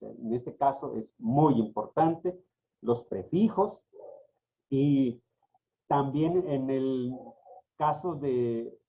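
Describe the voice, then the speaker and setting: Man explaining pronunciation over tinny audio. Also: on the high side. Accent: Mexican Spanish. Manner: repeats example words with careful stress contrasts. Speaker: book author presenting his grammar.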